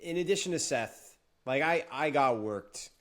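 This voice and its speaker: A man's voice: medium pitch, unhurried. Playful guy on a wrestling pod, voice swings all over. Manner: expressive, playful. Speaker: podcast co-host. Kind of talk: casual chat.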